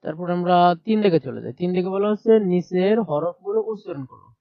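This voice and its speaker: Over a shared screen, a man teaches a primary class, explaining each step and saying letter sounds aloud repeatedly in this textbook lesson. His voice is high-pitched and animated, and he talks fast. The audio is dull, with no echo.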